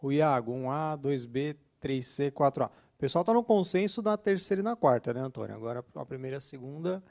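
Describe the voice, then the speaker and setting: A man's voice: mid-range voice, lively intonation, fast talker, creaky, darkish tone. A man co-presenting an online lesson. He lists the students' answers in a matter-of-fact way and translates the questions. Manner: translates the English questions into Portuguese.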